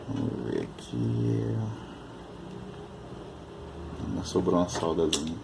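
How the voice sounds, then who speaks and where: Guy at his bench, lowish voice, rambling about circuits, stops and restarts a lot. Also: animated, creaky, background noise. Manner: thinking aloud, halting technical explanation. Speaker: electronics hobbyist. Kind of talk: casual workbench chat.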